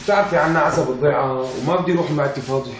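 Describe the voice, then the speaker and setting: A man's voice: on the high side, racing, heavy background noise, lightly acted. A man with a Syrian accent acting as an exasperated young husband in a comedy sketch, talking in a grumbling way. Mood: weary. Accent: Syrian Levantine Arabic. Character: grumbling young husband, tired of social outings. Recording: background music under dialogue.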